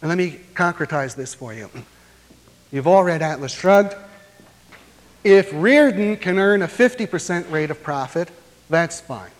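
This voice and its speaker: A man giving an academic lecture to a class, explaining step by step in a measured, deliberate way with frequent hesitant pauses. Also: fairly high pitch, animated. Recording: long reverb of a lecture hall.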